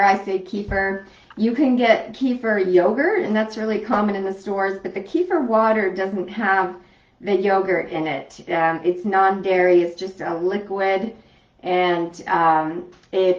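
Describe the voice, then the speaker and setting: Chatty woman in an echoey kitchen. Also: medium pitch. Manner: chatty, rambling, frequent ums. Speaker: home cooking vlogger. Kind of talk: casual kitchen demonstration. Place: home kitchen. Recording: echoey room, distant dull mic.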